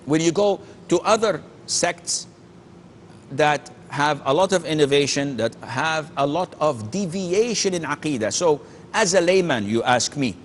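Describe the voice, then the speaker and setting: A man's voice: on the high side, expressive, measured pace, slight background noise. Earnest, emphatic male sheikh. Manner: earnest, emphatic, with frequent restarts and Arabic phrases. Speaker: sheikh answering callers' questions. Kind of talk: call-in religious Q&A.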